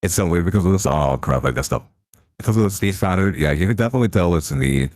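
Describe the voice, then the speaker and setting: A man streaming a game through a deep pitch-shifting voice changer, chatting casually and reacting aloud to what happens on screen. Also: lively intonation, quick pace, darkish tone, dry recording, clean studio sound. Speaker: live streamer. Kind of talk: casual gameplay commentary.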